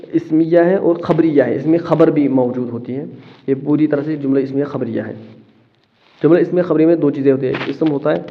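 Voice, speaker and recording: A man teaching a lesson, explaining step by step, asking questions and answering them himself, often pausing with fillers. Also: a little high, lo-fi sound, a little hiss or hum. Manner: asks rhetorical questions then answers them; checks in with listeners, hesitant fillers. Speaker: Arabic grammar teacher.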